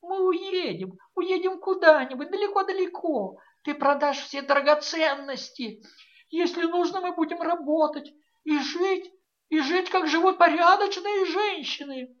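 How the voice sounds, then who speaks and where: A woman's voice: very high voice, a little slow, lo-fi sound, voice pushed up. A woman reading an audiobook voices a tearful, pleading young daughter who speaks with theatrical pathos. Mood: insistent.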